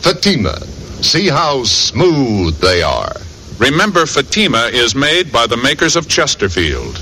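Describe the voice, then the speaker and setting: A male radio announcer delivers a scripted commercial in a polished, emphatic salesman's manner. His voice is bright and his pitch swings freely. It comes from an old broadcast transcription disc with a faint hiss underneath. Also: wildly swooping pitch, unhurried.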